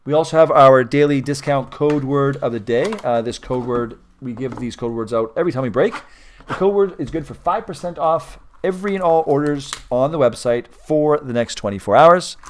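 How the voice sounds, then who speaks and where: Guy hosting a card break stream, rambly, corrects himself a lot, mid pitch. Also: normal speed, slight background noise. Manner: chatty, rambling, with frequent ums and self-corrections. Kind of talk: casual live-stream chat.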